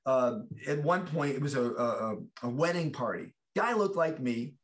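Animated and speaking at normal speed in a mid-range voice, a middle-aged American actor talks about his career in a casual chat as a guest. He often restarts, rambles, and acts out quotes.

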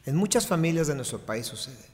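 A man's voice: fairly high pitch, big pitch swings, brisk, darkish tone, in a large hall. A man from Mexico hosting an interview, asking earnest, probing questions. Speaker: podcast host.

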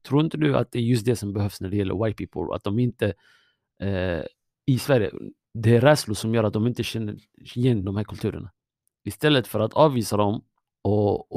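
A man hosting a casual chat, calm and prompting with short replies. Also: on the low side, vocal fry, dry recording, clean studio sound.

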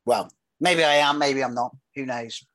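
A man's voice: medium pitch, normal speed, a bit bright, dry recording. Northern English man, dry close sound. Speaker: podcast host. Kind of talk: casual football podcast chat.

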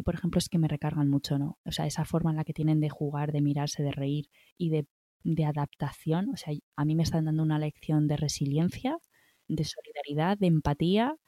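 A middle-aged woman from Spain, speaking with a Spanish accent, offers encouraging, reassuring self-care advice in conversation as a wellbeing guest, often checking in with little tag questions. Her voice is low and mellow, with no echo.

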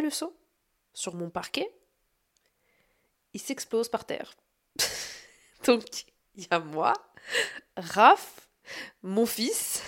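A woman hosting her own podcast, telling a story about her day in a casual, animated and self-mocking way, swearing freely. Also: a little high. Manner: shifts between fast asides and slow, dragged-out emphasis. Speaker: podcast host.

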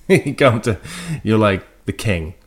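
A man's voice: on the low side, expressive, slow. A man co-hosting a casual comedy podcast, dropping crude, sardonic quips. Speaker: podcast co-host.

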